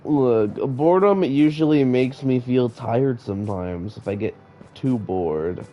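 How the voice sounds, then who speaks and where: A man's voice: medium pitch, a little slow, dull audio, a little hiss or hum. A man who is sick, chatting casually to his live-stream chat while he plays, often stammering and repeating words. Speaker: live-streamer playing a block-building game.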